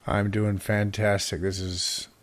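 A middle-aged man from Utah in the United States, with an American accent, casually tells personal stories as a podcast host appearing as an interview guest. His voice is fairly low and flat, delivered at a measured pace.

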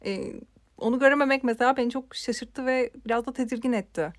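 A woman's voice: on the high side, fast, dry recording, studio quality. A woman co-hosting a film podcast, chatting casually and expressively with frequent fillers and laughter. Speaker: podcast co-host.

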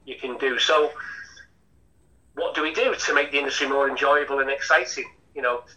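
A man's voice: mid-range voice, fairly even intonation, moderate pace, pushed and bright, recorded from a distance, poor audio. A man, a hotel chef talking through an interview with many restarts. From Lancashire, England. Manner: chatty, rambling with frequent restarts.

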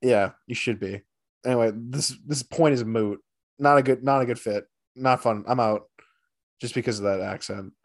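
A man co-hosting a hockey podcast, chatting casually with a friend, animated and teasing, with quick bursts of excitement. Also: mid-range voice. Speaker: podcast co-host. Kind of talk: casual sports chat.

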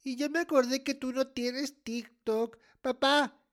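A woman's voice: high voice, steady tone, unhurried. Nimo, a whiny boy voiced by a woman. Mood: distraught. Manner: melodramatic, whiny, prone to exaggeration. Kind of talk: comedic voice acting.

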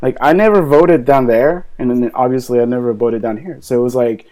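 A man's voice: mid-range voice, a little fast, mellow. Young male podcast guest from Venezuela, casual rambling chat. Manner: rambling, heavy use of "like".

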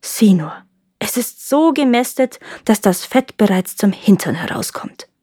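A woman voicing a shrewd, impatient peasant wife who scolds and gives sharp commands in a storybook reading. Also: mid-range voice, very animated, unhurried, husky, dry recording, clean studio sound. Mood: coaxing.

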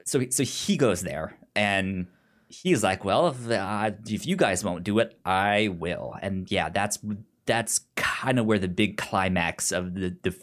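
This podcast host has a noticeable stutter, repeating sounds and syllables as he casually retells a film plot, acting it out with animation. His voice is low-pitched and his delivery slow.

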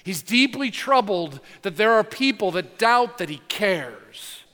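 A man's voice: sits high, sing-song, unhurried, bright, forceful tone, in a large hall. A man preaching a sermon as pastor, talking earnestly and conversationally, with rhetorical questions to the congregation.

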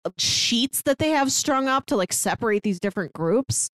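Speaking at a normal speed, a woman with a fairly high, expressive and slightly bright voice co-hosts a podcast in a dry recording. She discusses a film in a relaxed way, peppered with "like" and playful sarcasm.

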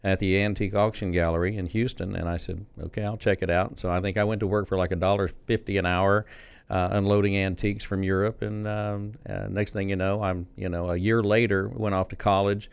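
A man's voice: sits low, flat delivery, gravelly, clear, resonant tone. A man, a guest auctioneer telling his story in easygoing casual chat. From Texas. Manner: rapid auction chant when demonstrating, else easygoing storytelling.

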